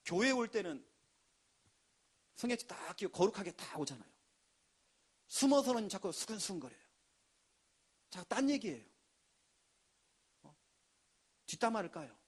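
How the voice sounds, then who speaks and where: A man preaching a sermon in a lively, emphatic way, now and then acting out quoted voices. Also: high-pitched, moderate pace, pauses often, slightly rough. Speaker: pastor.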